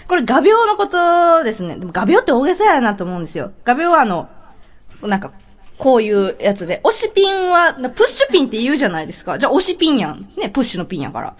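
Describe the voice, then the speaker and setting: Woman, Kansai accent, podcast co-host, chatty explaining, lively tone, slightly high voice. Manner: chatty, teacher-like, gives many examples. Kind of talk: casual explanatory talk.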